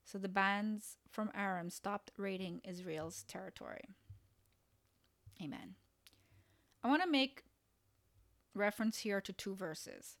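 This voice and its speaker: A woman's voice: medium pitch, a bit bright. Earnest woman giving a devotional sermon. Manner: measured, earnest storytelling. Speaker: preacher. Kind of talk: devotional sermon retelling Bible stories.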